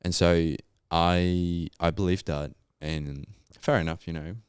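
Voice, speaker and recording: Slow and fairly even in intonation, this young man's low voice comes across smooth and a little mellow. He's a Colombian podcast guest with a Colombian Spanish accent, reflecting on his story in a casual interview full of fillers. The studio sound is clean and echo-free.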